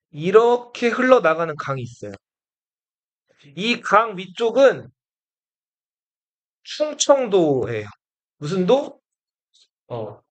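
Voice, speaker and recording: A male history teacher lecturing a class, often asking the students questions and repeating their answers. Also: high-pitched.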